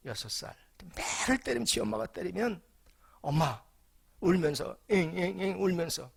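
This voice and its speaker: Older male senior pastor, husky and gravelly, preaching with humor and rhetorical questions. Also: high voice, lively intonation, moderate pace, no room sound, studio quality. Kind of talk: sermon.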